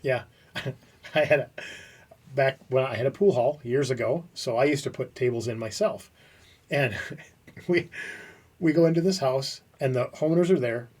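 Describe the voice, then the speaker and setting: A man co-hosting a podcast, telling lively stories in a casual chat. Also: mid-range voice, normal speed, pauses often, breathy edge, recorded from a distance. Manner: animated storyteller who acts out quotes.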